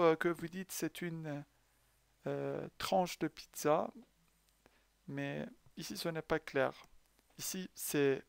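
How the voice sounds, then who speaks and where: Slow, patient male French teacher. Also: on the high side, clear, resonant tone, dry recording. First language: Persian. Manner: slow, patient teaching that asks questions and then answers them. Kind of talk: language lesson.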